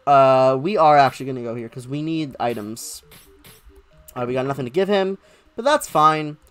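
A woman's voice: rumbling low, lively intonation, normal speed, faint music behind. A woman giving casual, joking let's-play commentary on a game. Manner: chatty, joking. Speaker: gameplay commentator.

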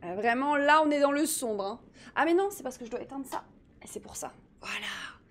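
Chatty, excitable woman streamer. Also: high voice, brisk, slight background noise. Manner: chatty, excitable, talks to chat while fixing her setup. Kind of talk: live gaming stream chat. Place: home streaming setup.

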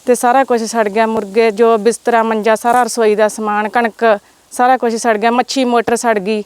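A woman's voice: fairly high pitch, level tone, normal speed, clear, resonant tone, dry recording. A young woman with a Punjabi accent from the Majha region, speaking in an interview outdoors, distressed and repeating herself. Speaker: fire victim interviewed. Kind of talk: emotional testimony. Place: outdoors in a village.

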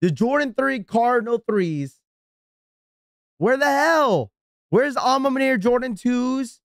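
Guy ranting on his live stream, smooth clean voice, dry close sound, keeps shouting out subs. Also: very high voice, animated, slow, dry recording. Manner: ranting, exasperated, shouts out subscribers. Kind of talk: live stream reacting and chatting with viewers.

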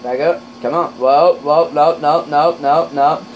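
A man's voice: on the high side, a little slow, slight background noise, low-quality recording. Rowdy swearing man gaming with a friend. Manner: rowdy, swears often, excitable outbursts. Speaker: gamer playing a trucking game with a friend. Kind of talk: casual game commentary.

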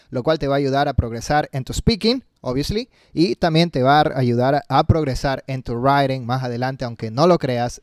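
A man's voice: on the high side, dry recording, studio quality. A man teaching English in Spanish, chatty and encouraging, slipping English words into his talk. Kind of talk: casual online lesson.

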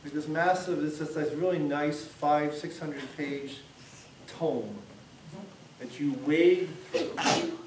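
A middle-aged priest teaches an informal class in a church hall classroom, conversational and discursive with frequent restarts. His voice is on the high side, slow, with long pauses and a little hiss or hum, picked up by a far camera in an echoey room.

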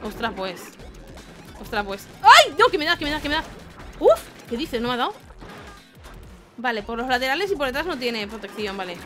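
A woman from giving excitable let's-play commentary, shrieking and laughing as she plays. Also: fairly high pitch, fairly quick, pauses often. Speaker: gaming YouTuber. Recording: game music loud under the voice. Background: game music.

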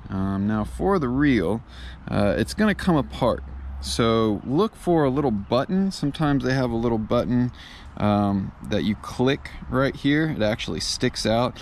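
A man's voice: mid-range voice, a little slow, slight background noise. A man teaching fly fishing gear setup outdoors in a casual, step-by-step way, with plenty of ums and uhs. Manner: relaxed, filler-heavy step-by-step explaining. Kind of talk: casual how-to tutorial. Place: outdoors on a lawn.

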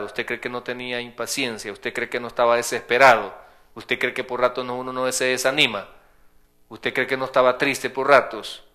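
In a church sanctuary, a pastor preaches a sermon in a medium-pitched voice that sounds pushed and bright. He speaks emphatically, repeats his points and fires off rhetorical questions.

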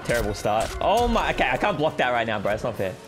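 A man hosting a gaming video, giving live commentary on a fighting-game match with excitable yells, groans and laughs. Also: medium pitch, quick pace. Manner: excitable, yelling reactions and groans. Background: game music.

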